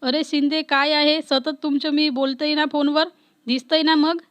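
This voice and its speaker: A woman voicing a young female officer who is strict, playful and quick to scold. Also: high-pitched, steady tone, fairly bright tone. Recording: dull lo-fi recording.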